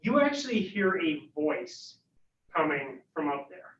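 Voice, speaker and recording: A man's voice: fairly high pitch, sing-song, unhurried, a bit bright. A man narrating as game master of a tabletop game, hesitant and full of fillers. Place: room at a livestreamed faculty game. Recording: roomy, distant, dull recording.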